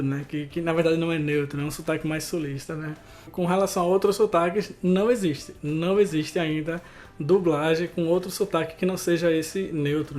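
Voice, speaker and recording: A man from Recife with a Pernambuco Brazilian Portuguese accent speaks in a fairly high, slightly mellow voice. He's a voice artist explaining his craft in an interview, keeping it conversational and often tacking on tag questions.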